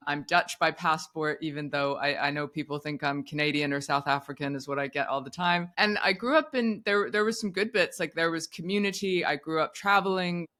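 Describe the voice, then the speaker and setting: A woman's voice: low-pitched, a bit bright. A woman in her forties, a psychotherapist guest on a podcast, talking candidly and reflectively and thinking aloud as she goes.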